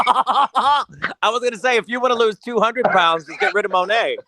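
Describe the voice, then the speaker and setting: A man's voice: very high-pitched, normal speed, noisy background. A man co-hosting a podcast in casual chat, brash, crude and sarcastic, laughing often. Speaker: podcast co-host.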